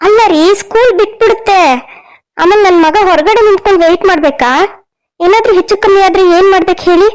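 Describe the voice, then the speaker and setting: A woman's voice: very high voice, fast talker, low-quality recording. A woman voicing the women of a cartoon family drama, emotional and scolding. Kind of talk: cartoon story voice acting.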